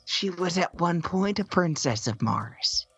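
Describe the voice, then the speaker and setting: A man's voice: high voice, expressive, unhurried, vocal fry, fairly bright tone, slightly rough, dry recording, lo-fi sound. A man playing in a tabletop game who jokes and teases the game master. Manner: joking, teasing. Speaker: player. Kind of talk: casual game banter.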